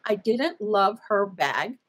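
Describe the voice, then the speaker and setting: A middle-aged woman talks through fashion picks in an easygoing chat. She is opinionated but halting, stumbling over restarts and fillers, at an ordinary middle pitch. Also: very animated, husky. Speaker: color analyst co-host. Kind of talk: casual fashion commentary chat.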